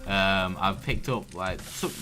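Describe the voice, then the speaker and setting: Male let's player, deep-ish, flat and rambling, mutters numbers, over loud game music. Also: slow. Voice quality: tends toward monotone. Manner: rambling, counts orders aloud under his breath. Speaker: let's play host. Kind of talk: casual gameplay commentary. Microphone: desk microphone at full volume.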